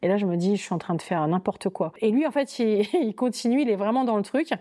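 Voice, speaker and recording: A woman's voice: mid-range voice, fast. Chatty woman telling a dating story. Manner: lively, chatty, many fillers and quoted inner thoughts. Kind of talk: casual podcast storytelling.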